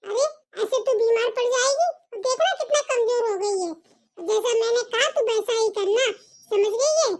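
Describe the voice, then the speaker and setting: A woman's voice: very high-pitched, normal speed, a little mellow. A woman voicing a kind elder daughter-in-law in a home-made family drama, coaxing and giving advice. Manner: coaxing, advising.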